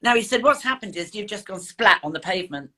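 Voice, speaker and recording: A woman's voice: mid-range voice, expressive, fast talker, pushed and bright. Earnest woman recounting her story. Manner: earnest, quotes others' words in her retelling. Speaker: guest. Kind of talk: emotional personal account.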